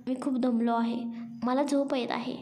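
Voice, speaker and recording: A woman's voice: high voice, level tone, moderate pace, mellow, soft background music, natural voice. A woman voicing an impatient young man eager to leave his friends. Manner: impatient, curt.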